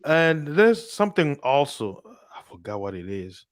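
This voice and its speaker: Animated man telling a story, dry sound. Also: a little high, moderate pace, no echo. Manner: animated storytelling, acting out quoted voices. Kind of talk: casual political discussion.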